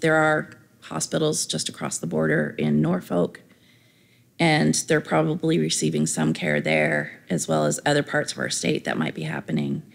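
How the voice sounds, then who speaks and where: Woman presenting at a conference, deep voice, really gravelly, some ums. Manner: gravelly, with fillers.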